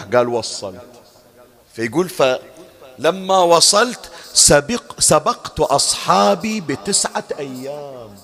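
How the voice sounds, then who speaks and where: A man giving a religious sermon in a majlis, telling a story and voicing its people, rising to high pleading calls and dropping low and soft. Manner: rises to high pleading calls when quoting invocations, then drops low and soft. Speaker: preacher. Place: majlis gathering hall.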